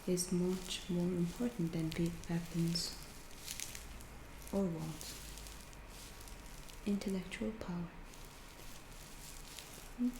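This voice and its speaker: Playing a calm alien researcher full of curiosity, a woman speaks softly in a lowish, breathy voice, often whispering, for an ASMR roleplay. Her deliberate, halting phrases are slow and clinically detached. The space sounds echoey, with faint background noise.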